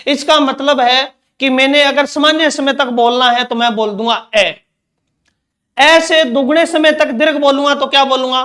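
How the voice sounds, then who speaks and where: A man's voice: very high voice, normal speed, sharp tone. A man teaching Hindi grammar in an exam-prep lecture, asking questions and answering them himself, repeating key terms.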